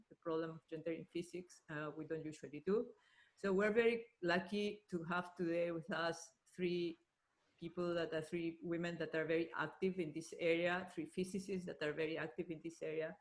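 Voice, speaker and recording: Woman, meeting host, panel moderator, organizing, switches between two languages, video-call mic. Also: fairly low pitch. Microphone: computer mic on a video call.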